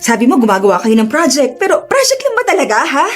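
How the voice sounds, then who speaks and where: A woman voicing an older sister who is caring but quick-tempered, expressive and scolding in an audio drama. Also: high voice, soft background music. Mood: suspicious. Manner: expressive, scolding, shifting to soothing. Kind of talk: Tagalog audio drama acting.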